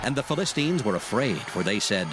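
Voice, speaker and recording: A man narrating scripture from a script in a solemn, measured storytelling manner. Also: fairly low pitch, sing-song. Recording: background music under the narration.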